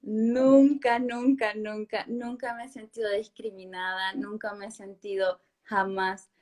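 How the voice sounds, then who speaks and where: A woman's voice: medium pitch, little pitch movement, measured pace, a little mellow. A woman from Honduras in her thirties, a guest in a conversational interview, who talks emphatically and repeats words for stress.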